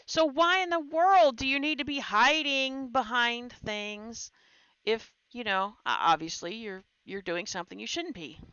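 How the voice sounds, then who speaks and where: A woman hosting a live stream, telling a funny story in a casual, animated way and laughing along. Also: fairly high pitch, unhurried, smooth, dry recording, muffled recording. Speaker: stream host.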